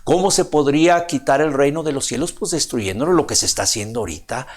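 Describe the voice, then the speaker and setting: A man's voice: mid-range voice, quick pace. A man preaching a conversational Bible-study sermon. He reads scripture aloud and keeps checking in with his listeners.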